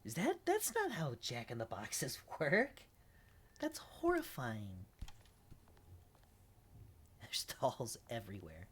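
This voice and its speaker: A woman's voice: extremely low pitch, huge pitch swings, slow pace, long pauses, breathy edge. A woman streamer chatting and reacting aloud as she plays a game, laughing often. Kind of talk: let's play commentary.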